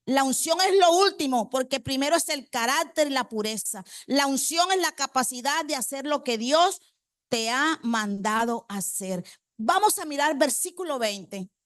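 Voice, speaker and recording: A woman preacher gives a sermon to her congregation in a high, animated voice at normal speed, her tone fairly bright. She fires rhetorical questions at the listeners and repeats key phrases for emphasis. The recording is dry and studio quality.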